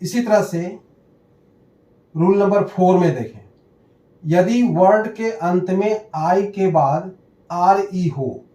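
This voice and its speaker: Male teacher, higher-pitched, mellow tone, very slow and deliberate delivery, echoey room. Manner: slow, deliberate, reads out word lists one by one. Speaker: English teacher. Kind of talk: pronunciation lesson.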